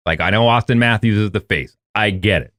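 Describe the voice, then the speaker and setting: A man co-hosting a podcast, chatting casually about hockey and acting out quoted voices in a high, excited pitch. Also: a little fast, dry recording, clean studio sound. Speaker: podcast co-host.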